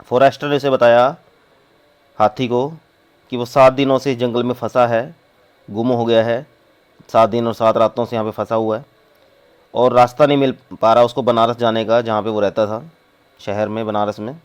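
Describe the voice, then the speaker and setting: A man, teaching a class by reading a story aloud slowly and explaining each line in Hindi. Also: medium pitch, flat delivery, smooth. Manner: reads English slowly, then explains in Hindi.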